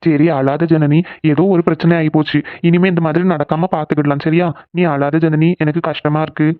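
A young cartoon boyfriend who is gentle and pleading, talking quickly in a slightly high voice, as a man voices him. The sound is narrow and phone-like, with no room echo. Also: level tone, lightly acted. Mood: soothing. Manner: soothing and pleading. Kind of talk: cartoon voice acting.

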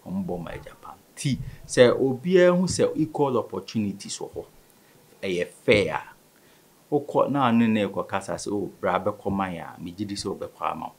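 In this clip the man speaks in a lowish, darkish voice that swings widely in pitch, at a moderate pace, with creak and huskiness. He's a Ghanaian guest in his thirties with a West African accent, chatting in a sports interview that mixes Twi and English. Sound comes from a studio mic on a table stand in a small indoor studio.

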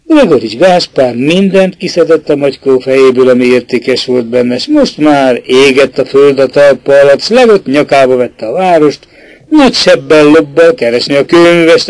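A man narrating a literary audiobook, shifting his pitch to voice the characters in the dialogue. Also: animated, darkish tone, no room sound, poor audio.

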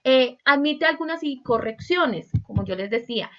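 A woman's voice: high voice, normal speed. A woman, teaching a class and acting out spoken examples while checking in with the students. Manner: lively, acts out examples, asks "¿sí?" and "¿cierto?" often. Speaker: Spanish teacher. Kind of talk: online class lecture. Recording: dull lo-fi recording.

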